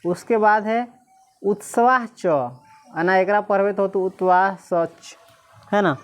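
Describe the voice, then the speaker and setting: A woman teacher, reading Sanskrit slowly syllable by syllable and quizzing the class again and again. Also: mid-range voice, smooth. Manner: repeatedly quizzes listeners, slow syllable-by-syllable reading.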